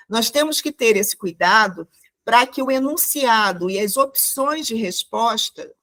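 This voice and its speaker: A Brazilian woman teaching a live online class, her voice sitting a little on the high side. She talks in a reflective way, often pausing on fillers and restarting her sentences as she thinks out loud over a video call.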